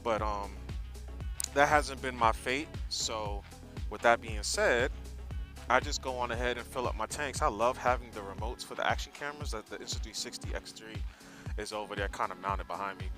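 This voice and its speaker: This is casual ride-along talk from a motorcycle vlogger: an American man speaking inside his helmet as he rides, rambling and relaxedly fixing his own words. His voice is mid-range and moderately paced, heard over music.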